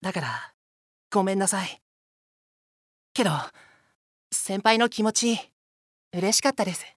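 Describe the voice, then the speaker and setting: A man playing a gentle, earnest teenage boy who speaks politely, hesitantly and sincerely to a senior. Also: high voice, measured pace, no room sound, studio quality. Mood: apologetic, tender.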